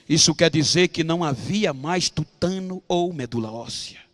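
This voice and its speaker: Brazilian pastor, high bright gravelly voice, swings from hush to shouting. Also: male voice, expressive, normal speed. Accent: Brazilian Portuguese. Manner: swings from hushed storytelling to shouted climaxes. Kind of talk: dramatic preaching sermon.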